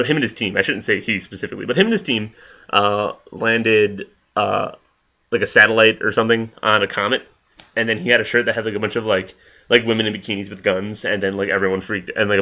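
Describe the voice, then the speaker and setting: Male vlogger, profane and rambling, lo-fi sound, low-pitched. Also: fairly even intonation, brisk, bright, forceful tone. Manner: profane, rambling, with many fillers. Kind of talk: ranting commentary vlog. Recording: dull lo-fi recording.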